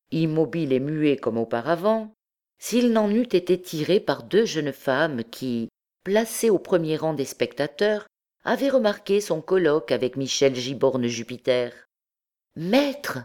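A woman reading a classic novel aloud as an audiobook narrator, with expressive delivery. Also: low voice. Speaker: audiobook reader.

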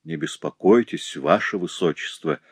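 A composed, stern doctor in a storybook, speaking low, quiet and unhurried with firm authority, as a man plays him. The sound is close and dry. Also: lively intonation, no echo. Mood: stern calm.

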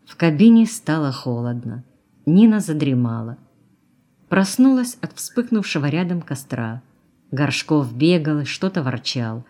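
A woman reading an audiobook in an even, measured way. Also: low-pitched. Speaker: audiobook narrator. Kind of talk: audiobook narration.

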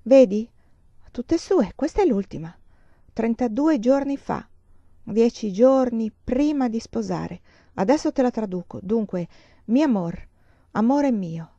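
Female reader doing a jilted young woman, pleading and broken, mellow voice, dry slightly dull recording. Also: a little high, expressive, measured pace, dry recording. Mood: wistful.

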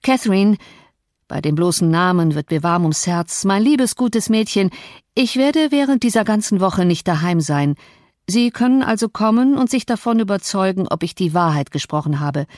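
A woman's voice: medium pitch, expressive, normal speed, darkish tone, dry recording, clean studio sound, lightly acted. A woman reading a menacing, scheming older man in an audiobook, cold and mocking in tone. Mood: sly.

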